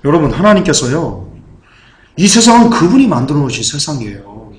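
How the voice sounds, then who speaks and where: A man's voice: fairly high pitch, very animated, brisk. A man preaching a fervent sermon as pastor. He keeps asking the congregation questions. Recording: echoey hall.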